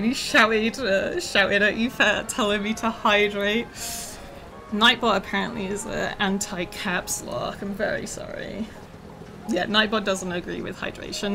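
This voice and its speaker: A woman game developer with a scratchy, rough voice from feeling unwell, chatting casually through a livestream of her studio's game, with many ums and uhs. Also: mid-range voice. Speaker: game developer streaming a demo.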